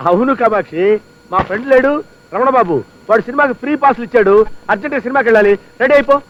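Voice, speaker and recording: An actor playing a joking middle-aged husband who chats and teases in a film comedy. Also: male voice, extremely high pitch, rapid-fire, a bit bright, slight background noise. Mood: coaxing. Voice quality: wisecracking, chatty. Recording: dull lo-fi film audio.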